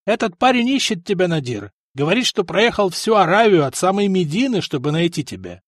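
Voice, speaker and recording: A fussy older innkeeper, as a male narrator puts him on, hurried and bustling. His voice is high and jumps about. The sound is dry and close. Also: big pitch swings, dry recording.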